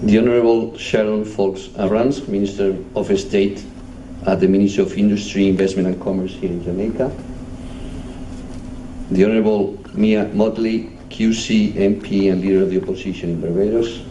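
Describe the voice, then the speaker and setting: A man with a Spanish accent giving a measured, formal conference speech as a European Union official. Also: fairly low pitch, fairly even intonation, warm tone, dull audio. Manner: measured, formal, reading out titles. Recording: echoey hall, distant mic, faint noise.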